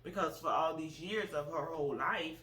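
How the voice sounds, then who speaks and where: A man around forty co-hosts a casual political chat, speaking earnestly but hesitantly with many restarts. His voice is a little high, bright and forceful, at a normal speed. He sounds far from the mic in an echoey room.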